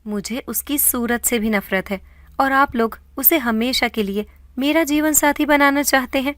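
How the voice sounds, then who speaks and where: A woman's voice: mid-range voice, a bit bright, no echo, close to an everyday voice. A woman playing a defiant young bride-to-be. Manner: emotional, defiant. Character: defiant young woman refusing a forced marriage.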